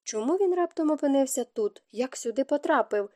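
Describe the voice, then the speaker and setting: A woman's voice: high-pitched, lively intonation, brisk, warm tone, dry recording, clean studio sound. A woman reading a romance novel aloud as an audiobook narrator, telling it expressively and dramatically. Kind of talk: scripted narration.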